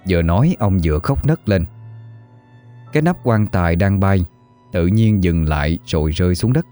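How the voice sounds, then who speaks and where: Deep-voiced male storyteller. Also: expressive, moderate pace, dark tone, faint music behind. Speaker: narrator. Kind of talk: scripted story narration.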